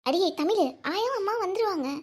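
A high, fast-talking young woman in a cartoon voiced by a woman, a big sister who scolds and teases her little sibling in brisk bursts. Her pitch stays very high throughout. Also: animated. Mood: teasing. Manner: brisk and teasing. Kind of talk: cartoon voice acting.

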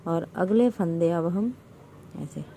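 Slow-talking woman walking you through knitting, counts stitches out loud, mellow gravelly voice. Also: fairly low pitch, slight background noise. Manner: addresses viewers as friend. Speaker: knitting tutorial host. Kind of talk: step-by-step craft instruction.

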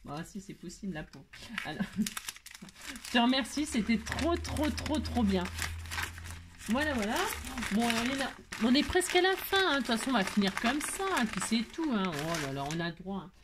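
A woman's voice: a little high, big pitch swings, moderate pace, noisy background. Gushing woman crafter chatting casually. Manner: effusive, gushing, repeats "trop joli"; coos to her cat in baby talk. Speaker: craft vlogger. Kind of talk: casual chat while opening mail.

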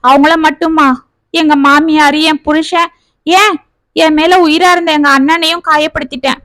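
Brief: impulsive young wife, heartfelt and quick, high bright voice, a woman reading it. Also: fairly even intonation, dry recording. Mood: sobbing remorse. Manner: pleading, tearful then eager.

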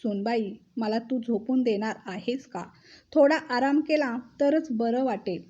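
A woman's voice: a little high, a little slow, a little mellow, highs cut off. A woman voicing an irritable older mother-in-law who scolds and complains, in a storybook reading. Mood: irritated.

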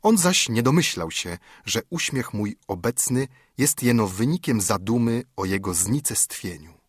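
A man narrating an audiobook in a measured, formal way. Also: on the low side, expressive, breathy edge, dry recording, studio quality.

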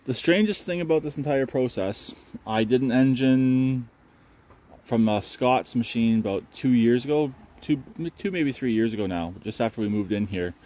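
A man's voice: mid-range voice, normal speed. A man casually narrating his own repair work outdoors, off camera, talking loosely with lots of fillers. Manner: relaxed, rambling, many fillers. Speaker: channel host working on a lawn tractor. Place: outdoors in a yard beside a shed.

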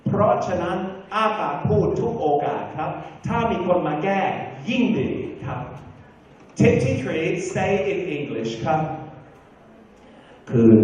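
A man giving a lively, jokey stage talk to an audience, mixing in English phrases. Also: a little high, a little hiss or hum. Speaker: guest speaker giving tips. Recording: echoey hall from far off.

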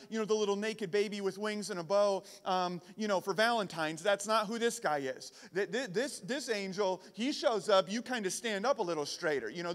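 A man's voice: sits high, a bit bright. A man giving a casual youth sermon, often repeating words as he builds his points. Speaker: camp speaker. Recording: long hall reverb.

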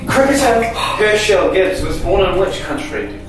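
A young man with a fairly high, swinging voice banters casually through a quiz challenge. He sounds distant in a very reverberant bathroom. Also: lively intonation, a little slow, noisy background. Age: young adult. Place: small tiled bathroom indoors. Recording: echoey bathroom, distant mic, background music.

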